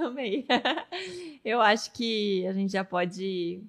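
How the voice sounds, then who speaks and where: A woman's voice: mid-range voice, expressive, drawn-out words. A woman hosting, closing the conversation in a hesitant way and laughing as she talks. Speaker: host. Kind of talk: wrapping up a conversation.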